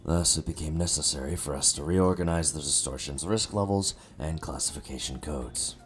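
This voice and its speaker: A man voicing a calm, formal researcher who speaks in a measured, dry way. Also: a bass voice, faint music behind.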